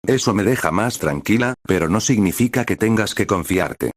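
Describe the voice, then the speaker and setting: A man voicing a mother who speaks carefully and tries to keep her voice steady. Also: on the low side, moderate pace, no echo, studio quality. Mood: calm. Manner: careful, calm. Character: gentle mother, trying to stay steady.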